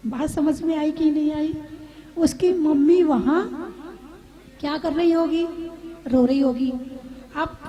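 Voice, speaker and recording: A woman, a Jain nun, giving a conversational sermon, asking her audience questions with gentle humor. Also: high-pitched, flat delivery, slow pace, long pauses, muffled recording.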